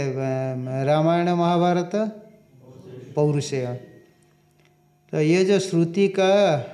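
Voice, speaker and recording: A man giving a scripture lecture, reciting Sanskrit lines slowly and explaining them, asking questions and answering them himself. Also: a little high, mellow. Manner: slow and deliberate, recites Sanskrit and explains it in Hindi. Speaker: Vedanta teacher.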